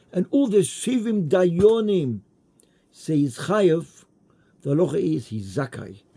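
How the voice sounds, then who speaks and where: A man giving a Torah lecture in English mixed with Hebrew and Yiddish terms, emphatic, rising high on rhetorical questions. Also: creaky, dark tone, husky.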